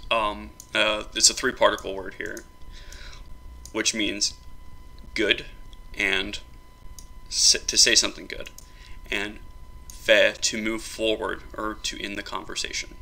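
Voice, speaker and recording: Man, low-ish gravelly voice, halting casual explanation, self-correcting. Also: flat delivery, sharp tone. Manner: halting, many ums and uhs, self-correcting. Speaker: conlang creator explaining his language.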